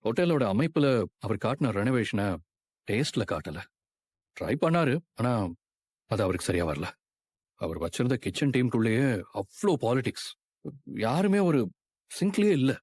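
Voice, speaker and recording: A man's voice: mid-range voice, big pitch swings, normal speed, long pauses, darkish tone, slightly rough, dry recording. A man playing a young heir who has lost his father and his wealth, speaking in a heavy, subdued way in a dubbed drama. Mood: despairing. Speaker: grieving son of a failed hotel owner.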